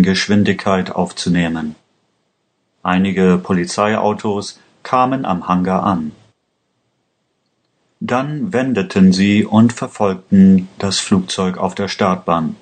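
A man narrating a language-learning story in a slow, careful, even reading. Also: sits low.

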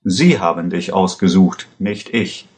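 A man reading a story aloud, voicing a corrupt policeman who speaks calmly, steadily and with command. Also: deep voice, measured pace. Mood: cold. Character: calm menacing corrupt male policeman.

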